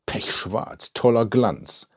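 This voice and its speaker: A man's voice: medium pitch, slow, husky. A man voicing a bossy, nosy village woman who gossips and gives orders. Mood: gossipy. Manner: commanding, gossipy.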